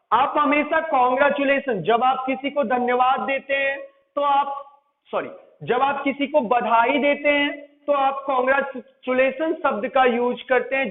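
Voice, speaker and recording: A man with an Indian accent teaching an English grammar lesson in Hindi, repeating and correcting common mistakes. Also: extremely high pitch. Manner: repetitive, correcting and drilling. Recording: echoey room over a tinny lo-fi line.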